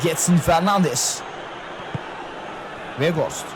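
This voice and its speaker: A man's voice: a little high, extremely slow, background noise. A man doing live football play-by-play, naming players in short, clipped phrases. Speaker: football match commentator.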